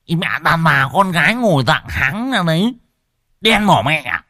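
A man's voice: fairly high pitch, expressive, moderate pace, no room sound, studio quality, pitched above the performer's own voice. Brief: slurring, coarse young villager barking orders, played by a male narrator. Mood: scolding. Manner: slurred, tongue-tied shouting. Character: young village man, rude slurring hothead.

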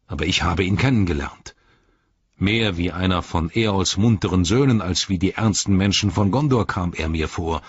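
A man's voice: low voice, husky, dry recording, lo-fi sound. A man reading as a proud, earnest horse-lord marshal who speaks forthrightly.

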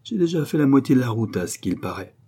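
A man voicing a drunk master locksmith who mumbles and stammers, his voice often raised higher and louder than his narration. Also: big pitch swings, quick pace, husky. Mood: confused, wary.

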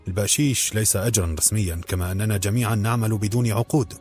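A man voicing a thoughtful male club worker in an audiobook, speaking deliberately in a husky, low voice. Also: steady tone, darkish tone, soft background music. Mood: serious.

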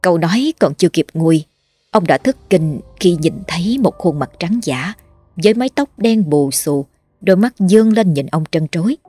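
A woman narrating a horror story in a measured, dramatic way. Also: on the low side, lively intonation, warm tone, slightly rough, dry recording. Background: faint music.

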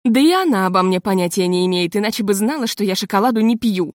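A woman reading an audiobook voices a proud, educated woman trying to stay calm while indignant. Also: mid-range voice, quick pace, dry recording, clean studio sound, natural voice.

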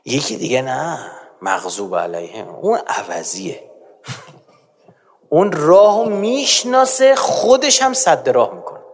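A male preacher with a fairly high voice, lecturing emphatically and pressing the audience to pay attention. His speech swings between quiet asides and raised points. It rings with a long reverb from a large hall. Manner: emphatic, keeps urging the audience to listen. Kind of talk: religious lecture.

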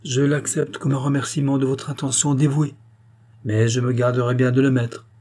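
A proud but despairing queen, as a male reader puts her on, sorrowful and weary. The husky, mellow voice lifts slightly for her, swinging between hushed and stronger phrases. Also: medium pitch, level tone, normal speed, lightly acted. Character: grieving, fearful queen, proud yet despairing.

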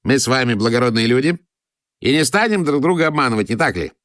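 An excitable Italian count who blusters and shouts, his voice pitched well above the reader's own, as a man puts him on in an audiobook. The delivery swings widely. It is recorded close and dry. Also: fast talker, no echo, close to an everyday voice. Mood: sly. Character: excitable scheming Italian count, police chief, middle-aged man. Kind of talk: audiobook character voice.

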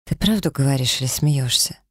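A man reading a romance audiobook, voicing an emotional young woman in love with a raised pitch and a breathless, pleading manner. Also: animated, a little fast, husky, dry recording, clean studio sound. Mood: tender.

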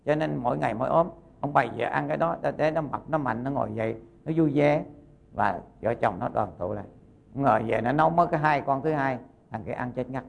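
A Buddhist monk, giving a sermon as folksy storytelling and acting out the characters' lines. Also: male voice, medium pitch, a little fast, gravelly.

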